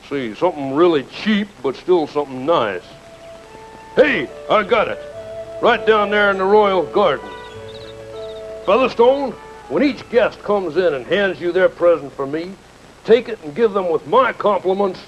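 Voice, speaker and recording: A stingy, self-important fairy-tale king, high for a male and very animated. He blusters colloquially in a comic television style, on a dull recording. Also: unhurried, pauses often. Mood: pleased, musing. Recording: dull old recording, faint music.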